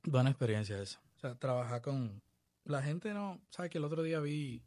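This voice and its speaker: A man from the Dominican Republic, a baseball coach being interviewed, talking in a measured, reflective way. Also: mid-range voice, a little mellow, no room sound. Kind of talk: podcast interview.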